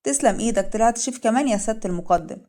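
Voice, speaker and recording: Woman reading as a cheeky girl, playful, rattles it off fast. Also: fairly high pitch, expressive, dark tone, lightly acted. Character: young woman, spirited and teasing heroine.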